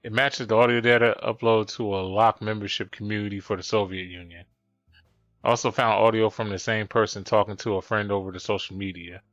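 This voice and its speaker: A man's voice: on the low side, fairly even intonation, fairly quick, a bit bright, dry recording. A man streaming a game, commenting and reading aloud as he goes. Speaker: streamer playing a detective game. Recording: dull lo-fi sound, music behind.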